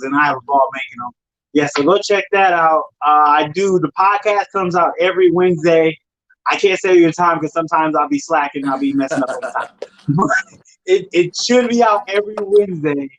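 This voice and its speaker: A man from Wisconsin, a guest on a casual chat, talking in a relaxed, rambling way and correcting himself. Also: high voice, no room sound, lo-fi sound. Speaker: guest, snake breeder and podcaster.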